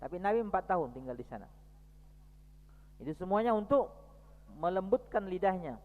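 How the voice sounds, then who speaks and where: A man teaches at a mosque study session, lively as he reads passages aloud and then explains them. His voice sits fairly high. The hall gives it a long, ringing reverb, and the recording sounds dull and lo-fi. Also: moderate pace. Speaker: preacher.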